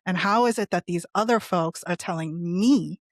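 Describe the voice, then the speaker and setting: A woman's voice: lowish voice, normal speed, no room sound, clean studio sound. A woman speaking in a casual podcast discussion, earnest, with many restarts and fillers. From Palestinian family. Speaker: podcast guest panelist.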